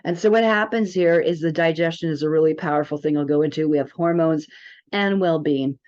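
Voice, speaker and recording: Low-pitched and a little mellow, this woman moves briskly through a casual wellness app demo, chatting informally and rambling a bit. The audio is dull and lo-fi.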